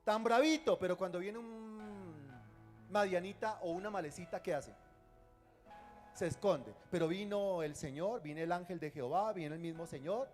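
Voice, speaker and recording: A man preaching, his voice high for a man. He teases and keeps asking the congregation questions, with soft music underneath. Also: moderate pace. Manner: lively, teasing, asks the congregation questions. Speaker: pastor. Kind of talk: sermon.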